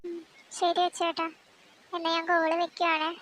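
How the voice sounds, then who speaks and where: A woman's voice: very high-pitched, monotone, measured pace, a crowd in the background. Young woman voicing a tearful pleading daughter.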